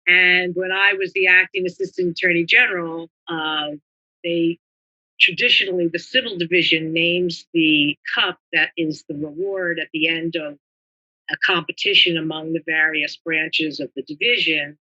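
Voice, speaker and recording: A woman's voice: lowish voice, fairly even intonation, moderate pace, sharp tone, highs cut off. An older woman from New Jersey, a retired government lawyer, reminiscing in a meandering, chatty way as an interview guest.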